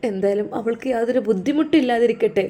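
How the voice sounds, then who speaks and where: A woman voicing a calm, kind young religious scholar who reassures a grieving father. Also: on the high side, quick pace, natural voice. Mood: reassuring.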